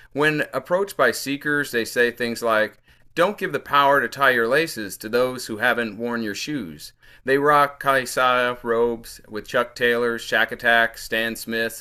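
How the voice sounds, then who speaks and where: Bright-voiced man reading poems. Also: medium pitch. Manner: measured reading voice with hesitant, filler-heavy asides between poems. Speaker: featured poet. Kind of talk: poetry reading.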